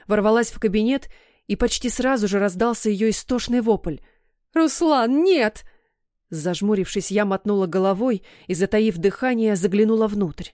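A woman narrating a first-person novel aloud in an expressive storytelling manner. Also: mid-range voice, dry recording. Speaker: audiobook narrator. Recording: dry close recording.

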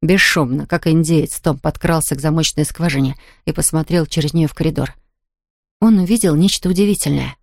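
A woman's voice: low voice, a little fast, gravelly, dry recording, clean studio sound. Woman reading a children's story aloud. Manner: lively expressive reading. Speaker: audiobook narrator. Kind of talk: scripted storytelling narration.

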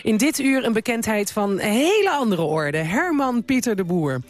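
A woman's voice: on the high side, sing-song, normal speed, no echo. Woman hosting a radio programme. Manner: light, wry asides. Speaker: radio host. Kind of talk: scripted radio presenting.

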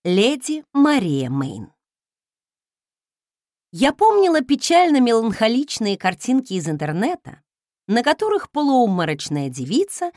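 Expressive woman narrating a novel. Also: a little high, dry recording, studio quality. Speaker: audiobook narrator. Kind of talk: first-person novel narration.

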